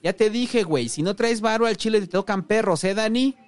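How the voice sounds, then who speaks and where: A man voicing a foul-mouthed, short-tempered crippled male dealer, harsh and full of shouted curses. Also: mid-range voice, lively intonation, fast, no room sound, close to an everyday voice. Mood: yelling furious. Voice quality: harsh, cursing, shouting bursts.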